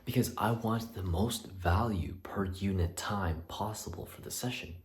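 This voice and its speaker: A man's voice: on the low side, normal speed. A young man rambling through a personal vlog rant, swearing freely and sometimes dropping into a whisper, recorded in a small bathroom. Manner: profane, rambling, restarts, drops to a whisper at times. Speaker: vlogger. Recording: echoey small room with faint ambience.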